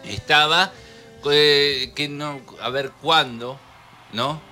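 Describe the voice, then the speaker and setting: A man with an Argentine Spanish accent hosting a radio show, talking in an animated, joking way and laughing often. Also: on the high side, drawn-out words, soft background music. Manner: animated, laughs often while telling jokes. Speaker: radio host. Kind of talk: jokey radio talk. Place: radio studio.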